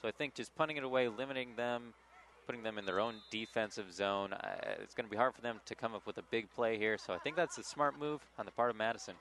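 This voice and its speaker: Guy doing color commentary, calm and analytical, mid pitch, faint noise outside. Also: fast. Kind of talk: sports color commentary and promo reads. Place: outdoor high school football stadium.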